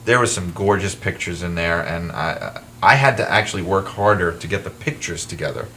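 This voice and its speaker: Here the wrestling historian and author speaks in a low voice at a fairly quick pace, over a little hiss or hum. As a guest in a casual interview, he tells animated, self-deprecating stories and keeps restarting.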